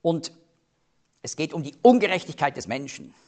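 A man teaching on Bible verses, explaining slowly and deliberately and stressing key words. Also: on the high side, big pitch swings.

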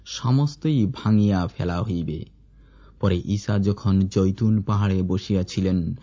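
A man with a low, dark and slightly husky voice reads scripture aloud in a measured, formal recitation. The recording sounds dull and lo-fi. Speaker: scripture reader.

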